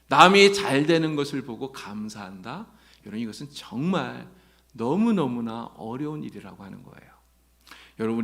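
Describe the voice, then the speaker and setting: A man's voice: medium pitch, gravelly, fairly bright tone. A male pastor preaching a sermon, telling parables and asking the congregation rhetorical questions.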